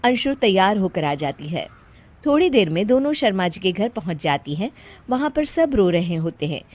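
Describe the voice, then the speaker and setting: A woman narrating a cartoon story in a calm, even storytelling manner. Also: mid-range voice, moderate pace.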